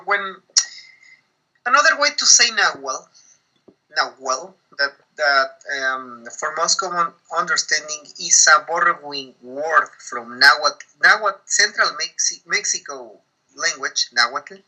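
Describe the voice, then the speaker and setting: A man whose first language is K'iche' speaks as an interview guest and explains ideas slowly, pausing to find his English words. His voice is high and very bright. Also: lively intonation, low-quality recording. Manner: slow, searching for English words, patient explaining. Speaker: Maya spiritual guide, guest. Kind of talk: teaching interview over a call.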